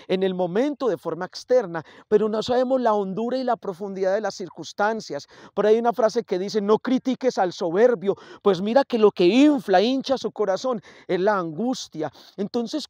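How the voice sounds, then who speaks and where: A man's voice: sits high, mellow, dry recording. Male priest, reflective homily delivery, close dry recording. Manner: reflective, builds points through lists and repetition. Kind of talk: sermon.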